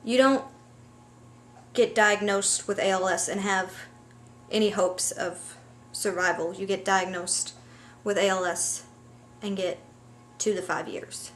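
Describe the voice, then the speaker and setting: A woman's voice: mid-range voice, steady tone, slow pace, pauses often, a bit bright. A woman vlogger talking casually to camera in a personal, unscripted way.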